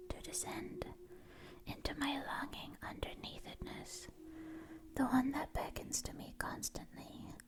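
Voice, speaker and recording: A woman whispers gently right into the listener's ear in an ASMR poetry reading, close on the mic, slowly and with long pauses. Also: high voice. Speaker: ASMR content creator.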